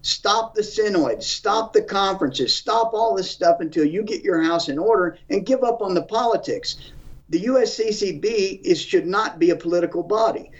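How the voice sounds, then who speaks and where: Man, fairly high voice, fiery preacherly commentator, heard from off-mic on dull audio. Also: normal speed, recorded from a distance. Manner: forceful, preacherly, repeats phrases for emphasis. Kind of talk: impassioned talk-show commentary.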